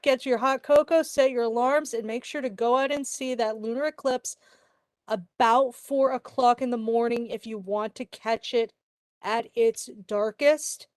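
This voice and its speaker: A woman's voice: a little high, a little mellow, clear, resonant tone, no room sound. A woman hosting a virtual club meeting, friendly and chatty, talking over a video call. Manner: friendly, chatty, says y'all.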